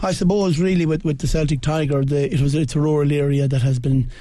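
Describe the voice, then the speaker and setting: Mellow west of Ireland man, chatting modestly. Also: a little high, fairly even intonation, quick pace. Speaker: sports guest, Gaelic football goalkeeper. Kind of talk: casual panel chat.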